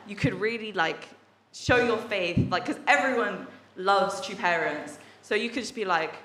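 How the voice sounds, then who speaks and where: A young woman from England shares a casual testimony at a church service, talking in a chatty, laughing way with plenty of fillers. Her voice sits at a middle pitch for a woman. The sound is roomy, with the hall echoing around her. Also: fairly bright tone. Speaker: workshop participant sharing testimony.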